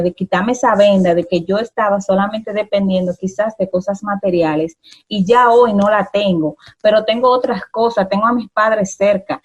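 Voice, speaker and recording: Woman hosting, chatty and animated, slightly muffled lo-fi sound. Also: mid-range voice. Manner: animated storytelling, acting out her own past words. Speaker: host.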